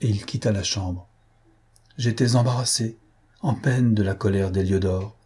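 A man narrating a classic novel aloud as an audiobook reader, in an even, literary storytelling manner. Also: lowish voice, measured pace, slightly rough.

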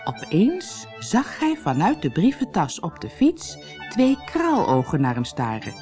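Woman storyteller reading a fairy tale, low voice that swoops widely, faint music behind. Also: a little slow. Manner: lively, expressive. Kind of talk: audiobook fairy tale narration.

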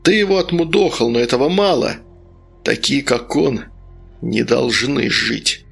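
A man's voice: medium pitch, unhurried, gravelly, fairly bright tone, slightly rough, faint music behind, full character voice. A man voicing a stern, cruel male sorcerer who coaxes and orders in an audiobook. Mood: stern, persuasive. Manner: stern, coaxing, harsh barks.

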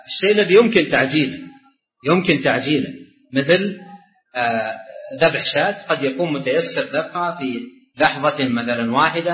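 Man, Islamic scholar, religious lesson, deliberate pausing delivery, roomy echo, muffled lo-fi audio. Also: a little high. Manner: measured, deliberate, pausing between phrases. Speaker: Islamic scholar answering a question. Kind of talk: religious lesson, answering a ruling question. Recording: roomy, dull lo-fi recording.

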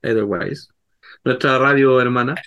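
A man's voice: medium pitch, a little slow, a bit bright, muffled recording. A middle-aged man with a Chilean accent, a radio co-host in casual banter, teasing and sending greetings on air. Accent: Chilean Spanish.

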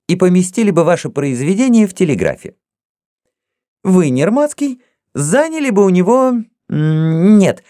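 Mocking young princess, haughty and proud, pitched high, read by a man. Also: warm tone, no room sound, studio quality. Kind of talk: audiobook reading.

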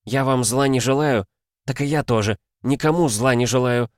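Male reader doing a hoarse exhausted young huntress, blunt, defiant, higher voice, dry recording. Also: moderate pace, dry recording, close to an everyday voice. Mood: weary defiant. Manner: blunt, scornful. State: hoarse, worn out.

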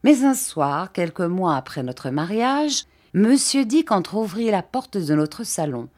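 A woman reading a classic novel aloud as audiobook narrator, in a measured, careful storytelling manner. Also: medium pitch, big pitch swings, a little mellow. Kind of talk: scripted literary narration.

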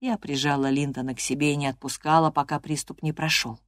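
A woman narrating a classic novel as an audiobook, in a measured, expressive storytelling manner. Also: deep voice, no room sound, clean studio sound. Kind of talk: literary narration in first person.

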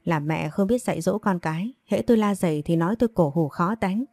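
A woman voicing a furious middle-aged father who shouts and scolds his daughter in an audio story. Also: lowish voice, a little fast, no echo, clean studio sound. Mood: furious scolding.

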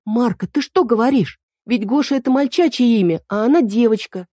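Young fairy girl, excitable and earnest, pitched high and sounding close and dry; woman storyteller voicing her. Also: dry recording. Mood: eager. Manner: quick, fussy and earnest.

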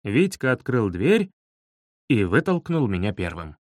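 A man narrating a humorous children's story in an expressive storytelling manner. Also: lowish voice, a little slow, dry recording, studio quality. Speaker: audiobook narrator.

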